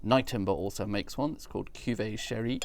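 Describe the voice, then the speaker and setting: A man's voice: on the low side, a little fast, a little hiss or hum. A man giving casual, sommelier-like wine tasting commentary in a thoughtful, descriptive way. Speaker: wine reviewer.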